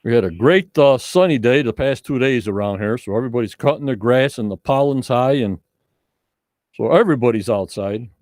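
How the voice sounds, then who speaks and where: A man's voice: mid-range voice, fairly quick, darkish tone, no room sound, clean studio sound. A man hosting a live podcast, chatting casually to his online viewers and repeating himself as he goes. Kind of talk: casual livestream chat with viewers.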